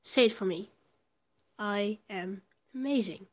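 Speaking slowly in a mid-range voice, a woman plays a tiny, loving young partner in a whispered intimate roleplay; her breathy, tender whisper stammers and wanders between giggles.

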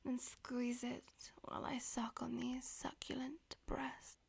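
A woman voicing a dominant, teasing female demon in an audio roleplay, speaking mostly in breathy, domineering whispers. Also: a little high, completely flat delivery, slow, darkish tone, exaggerated voice.

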